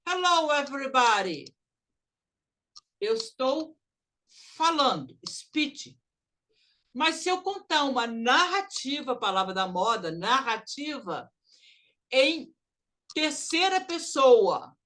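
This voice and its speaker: A woman teaching English in an online class, explaining slowly and mixing English phrases into her talk over a video call. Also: high voice, a bit bright.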